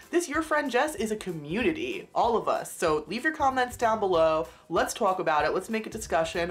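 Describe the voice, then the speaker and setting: A young woman chatting to her viewers while doing her makeup at home, confiding and talking straight to camera. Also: mid-range voice. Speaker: beauty vlogger. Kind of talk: casual makeup tutorial chat.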